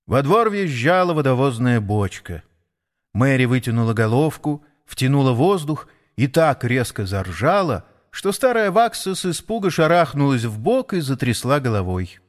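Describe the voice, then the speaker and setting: A man narrating a children's story in an expressive, unhurried reading. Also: medium pitch.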